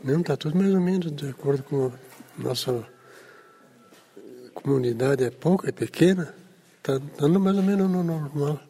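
A man, a community union leader, hoarse from a flu and giving short, slow replies to interview questions. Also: fairly high pitch, warm tone, in a large hall. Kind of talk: casual interview answers.

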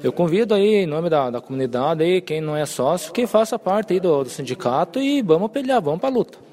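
A man's voice: fairly high pitch, expressive, brisk, warm tone. A man, a rural union member, giving plain-spoken, rallying interview answers. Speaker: rural union member, former fiscal council member.

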